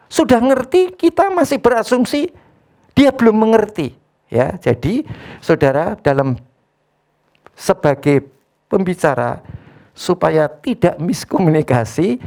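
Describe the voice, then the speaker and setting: A pastor giving an online sermon in a relaxed, conversational way, who keeps addressing the listeners as brothers and sisters and closes short phrases with a questioning "ya". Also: medium pitch.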